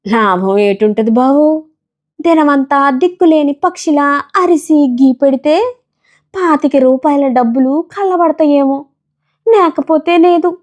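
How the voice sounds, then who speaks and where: A woman's voice: high-pitched, slow pace, pitched above the performer's own voice. A woman voicing a poor, resigned peanut-selling village woman with a coastal Andhra village dialect, crying out her wares. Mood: weary, resigned. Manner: shouting street-vendor calls, weary dialect speech.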